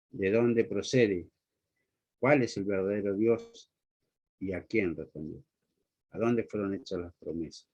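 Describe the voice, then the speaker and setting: A man's voice: lowish voice, a little mellow, breathy edge. A man preaching a sermon, speaking earnestly and putting pointed rhetorical questions straight to the listener. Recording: dull lo-fi recording.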